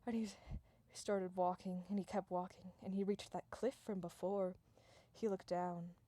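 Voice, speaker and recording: Deadpan woman rambling through a story. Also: fairly low pitch, dry recording. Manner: deadpan, run-on "and then" narration, dropping to hushed tones. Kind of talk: rambling improvised comic storytelling.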